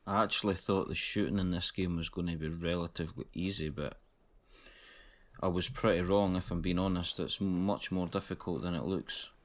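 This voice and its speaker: Male gamer, deep voice, low-key running commentary while playing. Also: steady tone, normal speed. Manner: low-key, thinking aloud. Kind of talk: casual gameplay commentary.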